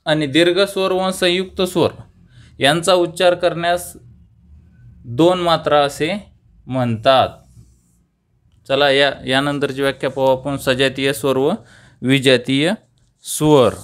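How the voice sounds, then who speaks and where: A young man with a Marathi accent teaching a grammar lesson, saying key terms slowly, repeating them, and asking questions that he then answers himself. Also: on the high side, fairly even intonation.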